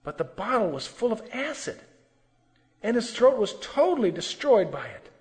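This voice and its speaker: Man, sermon testimony, emotional, high animated voice. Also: moderate pace, long reverb tail. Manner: earnest, emotional storytelling. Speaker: testimony preacher.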